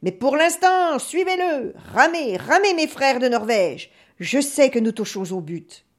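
A woman voicing a headstrong young male viking chief who gives loud, commanding orders. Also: medium pitch, lively intonation, moderate pace, lightly acted. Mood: rousing. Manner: commanding, boisterous, shouting orders.

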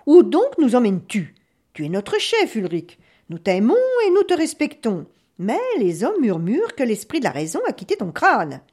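A woman's voice: a little high, wildly swooping pitch, moderate pace, darkish tone, husky, heavily acted. A woman voicing a worried old male seer who pleads and warns with a lamenting tone. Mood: pleading.

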